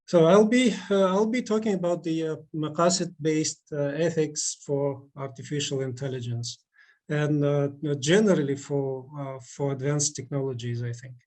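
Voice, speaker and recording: A man in his forties, from Russia, giving a halting conference talk over a video call, with many fillers and restarts. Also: fairly high pitch, fairly even intonation, a little mellow. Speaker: conference speaker. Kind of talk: online conference presentation.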